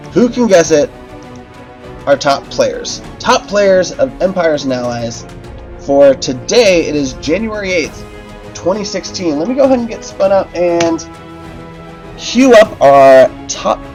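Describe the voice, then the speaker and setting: A man's voice: on the high side, a little mellow. A man hosting a game livestream, talking casually to chat with lots of fillers and restarts. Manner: chatty, many fillers and restarts. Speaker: livestream host. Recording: dull lo-fi stream audio with faint music.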